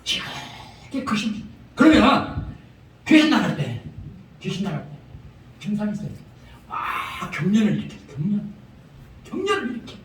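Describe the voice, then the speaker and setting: A man's voice: sits high, sing-song, moderate pace, long pauses, slight background noise. A man preaching a revival sermon as a pastor, telling humorous stories with chuckles and emphatic repetition. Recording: echoey prayer-house hall from far off.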